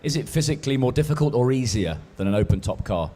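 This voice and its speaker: A man interviewing a guest on stage, asking questions in a brisk, chatty way and stumbling over a few restarts. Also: mid-range voice, lively intonation, warm tone.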